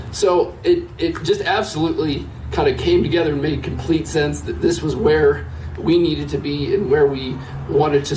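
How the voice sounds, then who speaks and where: A hoarse man, pitched slightly high, gives an informal speech to a gathering. He sounds distant from the microphone, in an echoey recording with clear background noise. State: hoarse, lost his voice. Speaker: donor speaker. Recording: echoey, noisy, picked up from afar.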